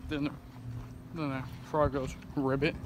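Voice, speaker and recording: A man's voice: a little high, moderate pace, background noise. A young man in a casual vlog, chatting on a phone in a moving car, rambling and joking with many restarts. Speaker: vlogger.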